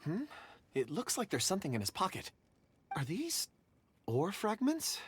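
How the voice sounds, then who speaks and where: An actor playing a polite, eager young scholar in a video game, cheerful and courteous. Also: male voice, high-pitched, normal speed, a little hiss or hum. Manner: polite and cheerful, lively intonation.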